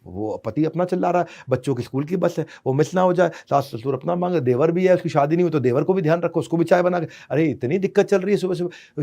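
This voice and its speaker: A man's voice: on the high side, gravelly, a little mellow. A man giving a dramatic, emphatic motivational lecture on parenting, with rhyming asides and English phrases mixed in. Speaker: parenting speaker.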